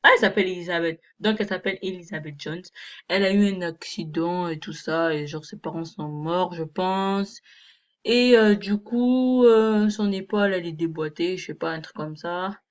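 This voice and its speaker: Young woman vlogger, low voice, amused chatter with fillers, lo-fi home sound. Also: normal speed. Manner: chatty, amused, full of fillers like genre and euh. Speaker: video creator. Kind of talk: reading and reacting to fan fiction.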